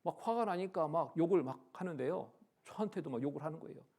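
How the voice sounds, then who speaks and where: A male pastor telling a story in a church sermon, animated, acting out the dialogue and swinging from loud to hushed. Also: fairly high pitch, fast. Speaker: pastor, Bible lecture speaker. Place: church sanctuary.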